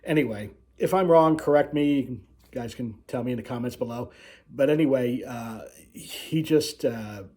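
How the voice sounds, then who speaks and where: A man hosting a casual, unscripted video, telling his story in a rambling way with frequent pauses. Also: mid-range voice, darkish tone. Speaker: video host, cruise vlogger.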